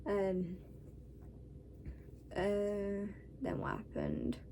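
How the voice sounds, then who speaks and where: Speaking very slowly, with huge pitch swings and vocal fry, this woman's warm mid-range voice carries a Northern English accent. She vlogs a casual personal story, blunt and sweary, worn out and scratchy after losing a wisdom tooth.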